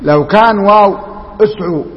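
A man's voice: sits high, normal speed, big-room sound, dull audio. A man with an Egyptian Arabic accent teaching a classroom grammar lesson, quizzing students and repeating their answers.

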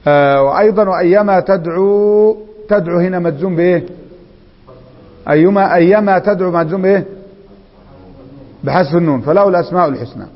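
A man with an Egyptian accent teaching Arabic grammar, quizzing students and reciting examples slowly and drawn out. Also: sits high. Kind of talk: classroom grammar lesson. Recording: echoey hall, dull lo-fi sound.

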